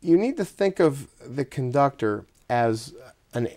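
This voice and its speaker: A man's voice: mid-range voice, expressive, a little mellow. Friendly man, a conductor as interview guest. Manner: friendly, explanatory, slightly halting. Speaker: symphony conductor.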